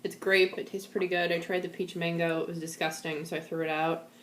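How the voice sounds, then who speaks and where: A vlogger records a casual video diary at home after surgery, talking to camera in a weak, shaky, slightly out-of-it way. Her voice sits on the low side with little pitch movement and a brisk pace. The echoey room adds a little hiss or hum.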